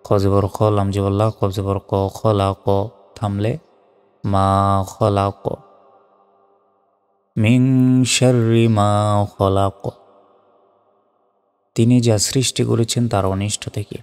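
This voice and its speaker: A man teaching Quran recitation letter by letter, moving between slow chanted recitation and plain spoken explanation. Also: fairly low pitch, level tone, a little mellow, clean tone. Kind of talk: spelled-out recitation lesson. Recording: long reverb.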